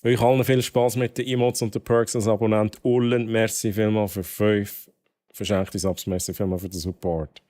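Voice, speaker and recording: A man's voice: fairly low pitch, level tone, normal speed, mellow. A man with a Swiss accent talking casually as a live streamer, thanking and greeting viewers and mixing dialect and English slang into his German.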